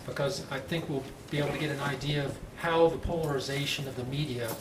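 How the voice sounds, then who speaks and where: A man with an American accent speaking slowly and clearly as he moderates a public panel discussion. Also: medium pitch, fairly even intonation. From United States. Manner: slow, clearly enunciated, deliberate delivery. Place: conference panel room, indoors. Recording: echoey, noisy room, distant mic.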